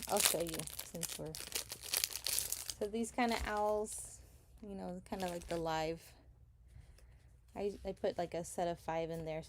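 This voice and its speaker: Sticker packs crinkle amid a noisy background as a woman born in Chile hosts a live selling stream. She speaks in a fairly low voice, chatting casually, rambling slightly and thanking her buyers.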